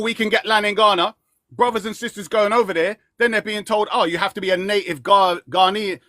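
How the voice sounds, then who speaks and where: A man's voice: sits high, bright, forceful tone, no room sound, clean studio sound. A man arguing heatedly in a live online debate, firing rhetorical questions and slang. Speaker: caller.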